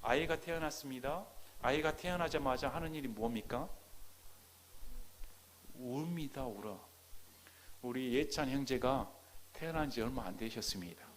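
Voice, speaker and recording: A man preaching a sermon as a pastor. He swings between loud, crying-out peaks and hushed near-whispers, acting out quoted prayers. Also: medium pitch, normal speed, pauses often, a little hiss or hum. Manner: acts out quoted prayers and parents' lines.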